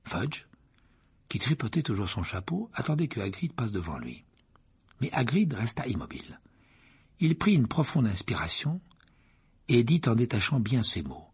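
A man's voice: mid-range voice, sing-song, moderate pace, pauses often, husky. A man narrating a storybook aloud, voicing all its figures expressively. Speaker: audiobook reader.

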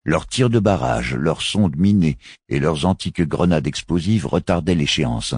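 Deep husky male audiobook narrator. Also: a little mellow, no echo, clean studio sound. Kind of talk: scripted narration.

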